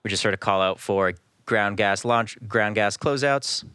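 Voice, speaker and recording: A man's voice: fairly low pitch, a little slow, bright, forceful tone, clear, resonant tone, dry recording, studio quality. A man hosting a live launch webcast with composed, informative, explanatory commentary.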